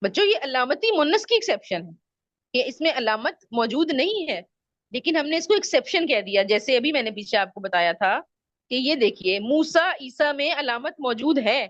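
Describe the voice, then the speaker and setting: Woman teacher, fairly high voice, dry close sound, dull lo-fi call audio, patient, slow drilled examples. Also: big pitch swings, a bit bright, no echo. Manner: patient, drills examples slowly, checks understanding often. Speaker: Arabic grammar teacher. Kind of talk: online class lecture.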